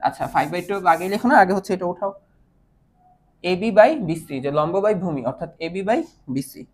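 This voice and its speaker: Speaking at a normal speed in a fairly low, darkish, expressive voice, a woman teaches math over the internet. She patiently asks whether her students are following and blends English math terms into what she says.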